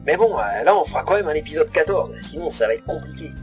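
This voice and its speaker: A man's voice: on the high side, expressive, fast talker, reverberant, faint music behind, natural voice. A man playing a fussy, chatty narrator who explains things wryly to the audience of an audio drama. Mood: wry, explanatory. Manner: explanatory, wry.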